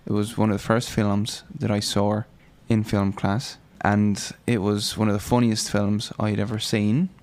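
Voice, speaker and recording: A man co-hosting a film review podcast, speaking in a measured way in casual chat. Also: on the low side, flat delivery, a little mellow. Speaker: podcast co-host.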